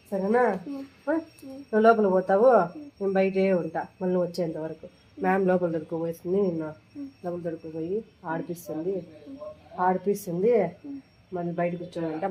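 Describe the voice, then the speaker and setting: A woman narrating a family vlog, gently coaxing her small son and repeating her questions to him. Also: lowish voice, a little hiss or hum, rough recording. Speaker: mother filming a family vlog.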